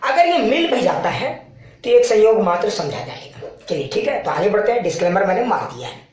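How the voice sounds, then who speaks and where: A man's voice: sits high, very animated, brisk, darkish tone. Guy teaching physics, jokey comparisons, keeps asking if u get it, super echoey room. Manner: keeps checking understanding with playful analogies. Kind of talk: casual classroom lecture.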